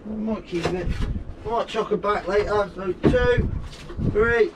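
A man's voice: sits high, a little slow. A young man narrating casually to viewers while hauling fishing pots, counting his catch aloud on a small open boat at sea, picked up by an action camera. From Guernsey. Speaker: fishing vlogger. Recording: loud wind and engine noise. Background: wind, water and boat engine.

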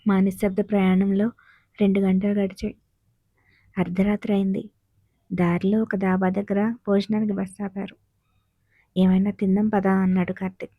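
Flat-toned woman narrating a story. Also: medium pitch, moderate pace, no echo, narrow, tinny audio. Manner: calm, even storytelling. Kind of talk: scripted first-person narration.

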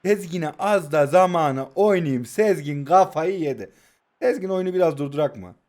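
A man, giving playful, taunting commentary over a mobile football game and bursting into excited play-by-play. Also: fairly high pitch, moderate pace. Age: 20s. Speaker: mobile football gaming YouTuber. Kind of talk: live gameplay commentary, teasing opponent.

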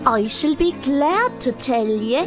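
A woman voicing a male pooka, a donkey-like spirit who was once a lazy servant, speaking slowly and courteously. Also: high voice, expressive, music in the background, voice pushed up. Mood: confessing. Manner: slow, drawn-out and courteous.

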